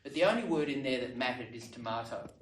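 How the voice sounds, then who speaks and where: An Australian woman training language teachers, talking in an animated, demonstrative way with strong stress on words. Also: rumbling low, quick pace, slight background noise. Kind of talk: training session talk. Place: library meeting room. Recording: roomy sound from some distance.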